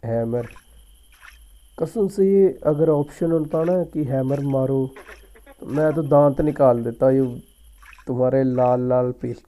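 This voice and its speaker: A man's voice: mid-range voice, takes it slowly, long pauses, mellow. A man with a sore throat, muttering casual gameplay commentary as he plays and taunts the game character. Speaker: gaming YouTuber.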